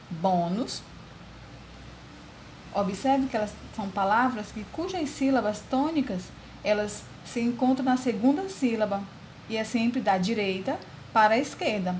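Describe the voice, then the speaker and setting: A Brazilian woman teacher speaks in a mid-range voice, slow and deliberate, stretching out syllables for young pupils. A faint hiss of background noise sits under the recording. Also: mid-range voice. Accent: Brazilian Portuguese. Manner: religious blessing, addresses class warmly as "turminha". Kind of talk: video lesson for children.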